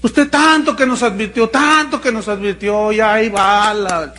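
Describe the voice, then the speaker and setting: A man voicing an excitable woman churchgoer, pleading and breathless as she confesses. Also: mid-range voice, measured pace, a little hiss or hum, lightly acted. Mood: excited.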